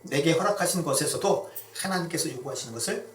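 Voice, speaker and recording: A pastor delivering a sermon in a conversational storytelling manner, acting out quotes along the way. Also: male voice, a little high, animated, fast, a little hiss or hum. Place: church sanctuary. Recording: echoey church hall miked from a distance.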